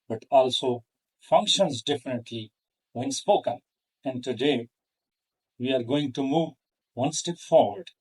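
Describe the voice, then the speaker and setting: A man hosting an English pronunciation lesson, speaking in a careful, measured way with pauses between phrases. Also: medium pitch, far from the mic. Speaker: host, English teacher. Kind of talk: slow deliberate lesson.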